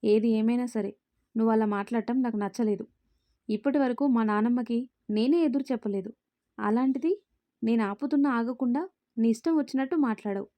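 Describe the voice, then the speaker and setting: A commanding, short-tempered young boss from a spoken storybook, read by a woman. The tone is mellow and dry, at a fairly high pitch. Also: brisk, long pauses, no room sound, lightly acted. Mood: stern. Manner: commanding, scolding.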